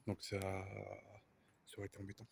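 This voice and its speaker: Hushed, low, creaky-voiced man at night. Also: completely flat delivery, unhurried, noisy background. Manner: quiet, hushed night-time talk, often half-whispered. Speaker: urbex explorer filming for viewers. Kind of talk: hushed urbex vlog narration. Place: inside a dark abandoned building.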